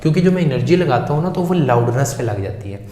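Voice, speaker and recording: Brief: patient male teacher, everyday examples, boomy reverberant room. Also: very animated, fast talker, warm tone. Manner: patient, calls students 'beta', explains with everyday examples. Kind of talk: physics lesson. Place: his room at night. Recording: echoey room with long reverb.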